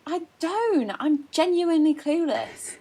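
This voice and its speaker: A young actress playing a shy teenage girl in first love, hesitant, soft and self-deprecating. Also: sits high, expressive, measured pace. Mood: tender. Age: young adult. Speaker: student actor. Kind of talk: stage drama dialogue.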